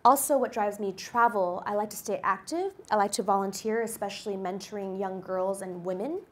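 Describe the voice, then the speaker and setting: Her voice is mid-range and fairly quick: an American woman in her forties, an executive, guest-lecturing a university class. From the stage of a lecture hall, handheld microphone in hand, she tells personal anecdotes with upbeat energy.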